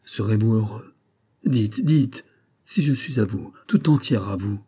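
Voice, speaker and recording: A man's voice: lowish voice, expressive, measured pace, dark tone, breathy edge. A man voicing a proud, passionate noblewoman in an audiobook of a classic novel, pleading and insistent.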